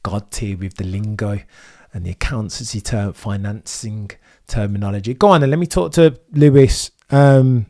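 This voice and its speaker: Reading chat during a live stream, a young man gives Formula 1 commentary in a fairly low, mellow voice at normal speed, though his voice is wearing out. His talk comes in long, opinionated, rambling stretches packed with "right?" tags.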